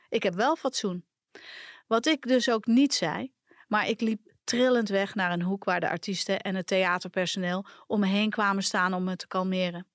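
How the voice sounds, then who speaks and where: A woman reading a first-person personal story aloud for a podcast, in a calm, measured storytelling manner. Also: medium pitch, no echo, clean studio sound. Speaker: podcast reader.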